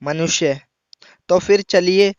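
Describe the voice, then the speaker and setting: A man telling short jokes briskly, acting out the dialogue between the people in them. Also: high-pitched, dull audio, heavy background noise. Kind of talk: telling jokes over music. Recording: loud background music.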